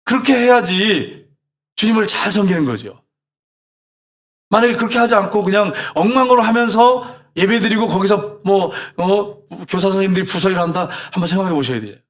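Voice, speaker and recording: Middle-aged male pastor; quick, urgent preaching delivery, scolds and challenges the flock. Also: high voice, expressive. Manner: exhorting, scolding with rhetorical questions. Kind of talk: sermon.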